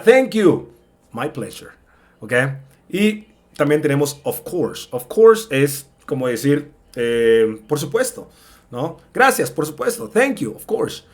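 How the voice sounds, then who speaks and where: A man teaching in a casual spoken lesson, slowly stretching out example phrases and acting out short dialogues with shifted voices, checking in often with "ok?". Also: medium pitch, fairly bright tone. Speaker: English teacher.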